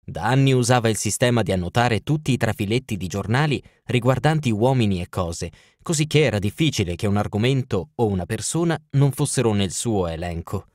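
A man narrating an audiobook in a measured, even storytelling manner. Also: on the low side, no echo, studio quality. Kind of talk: scripted narration.

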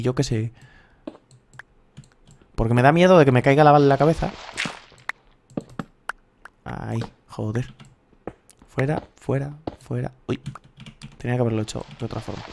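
A man in his thirties with a Castilian Spanish accent, swearing freely and rambling excitedly as he comments on his own gameplay. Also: medium pitch, gravelly, slight background noise. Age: 30s. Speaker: gaming youtuber.

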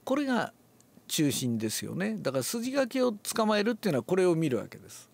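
An older man, relaxed and musing aloud, explains a classical Japanese text before reading it aloud and demonstrates with his voice. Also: high voice, brisk, creaky. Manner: relaxed, talks to himself, demonstrates accents aloud. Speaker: reading teacher.

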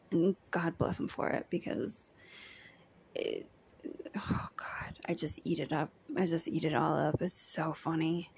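Chatting casually in a diary vlog about a day as a background extra, a young woman speaks in a lowish, slightly mellow, breathy voice with vocal fry. She giggles, frequently half-whispers, and leans on likes and ums, with slight background noise behind her.

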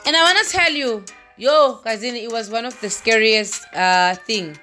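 Rambling woman travel vlogger, higher-pitched voice, phone mic, music playing behind. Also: normal speed, pushed and bright. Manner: chatty, rambling, laughs at herself. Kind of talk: casual travel vlog. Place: walking outdoors, then inside a cave. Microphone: handheld phone.

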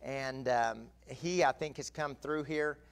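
A middle-aged assistant pastor with a mid-range, steady, creaky yet clean voice speaks slowly in a church sanctuary. He starts with conversational announcements, then moves into a sermon that grows more emphatic. A pulpit mic and a far camera capture him.

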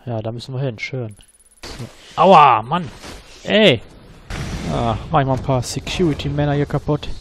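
A man hosting his own gaming channel, giving excitable, slangy let's play commentary and swearing often. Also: medium pitch, moderate pace, slight background noise.

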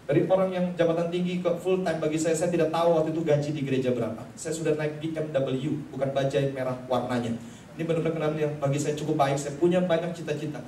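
High-voiced pastor preaching in an echoey hall. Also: male voice, quick pace. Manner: animated storytelling that acts out quoted voices; addresses the congregation directly. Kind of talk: sermon. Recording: echoey hall from a distance, faint noise.

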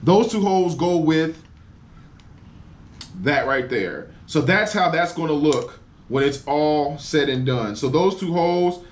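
A man in his forties talking casually to camera in an outdoor unboxing vlog, enthusiastic and exclaiming over each part. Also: a little high. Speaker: cycling vlogger. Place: outdoors against a building wall.

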